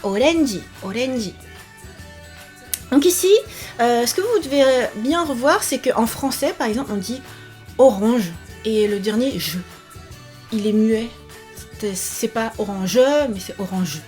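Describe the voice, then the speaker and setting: A cheerful young woman teaching a language video lesson, repeating each word slowly and clearly. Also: a little high, expressive, darkish tone, soft background music.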